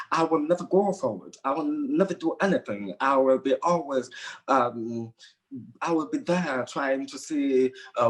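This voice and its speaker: A man's voice: a little high, poor audio. Hesitant man from Cameroon, author guest. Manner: hesitant, many fillers and restarts, laughs easily. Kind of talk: conversational interview answers.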